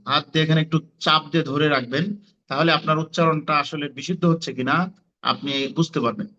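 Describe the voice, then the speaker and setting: A man's voice: fairly high pitch, sharp tone, dull audio. A man teaching Quran pronunciation in a class, explaining with many fillers and repeating letter sounds for students to copy.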